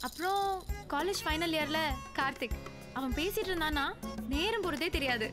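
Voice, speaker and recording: A bossy young woman on a date, played by a film, speaks in a high voice and slips between chatter and sharp orders. Film music plays under her. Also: expressive, moderate pace. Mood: chatty. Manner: bossy, snaps at a waiter.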